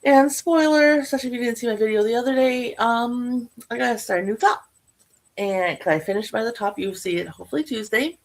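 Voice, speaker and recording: A woman's voice: on the high side, fast talker. A middle-aged woman talking casually to her viewers about her crochet projects, rambling and correcting herself as she goes. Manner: rambling, chatty, self-correcting. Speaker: crochet vlogger.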